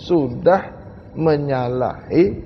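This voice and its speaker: A man delivers a mystical religious lecture in a high, gravelly voice. He speaks slowly, pressing each rhetorical question. The recording is dull and lo-fi, with a long hall reverb. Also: slight background noise. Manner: slow, emphatic rhetorical questioning. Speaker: religious teacher.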